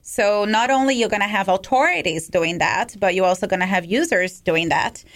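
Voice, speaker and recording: A woman's voice: medium pitch, normal speed. Chatty woman with a slight accent. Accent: non-native English accent. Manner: casual, many fillers like "you know, like". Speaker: guest, cybersecurity company president. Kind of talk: radio interview.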